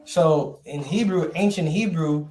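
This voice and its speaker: A man's voice: on the high side, a little slow, dark tone. A man teaching a casual classroom lesson in a conversational way, often asking rhetorical questions. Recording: roomy echo.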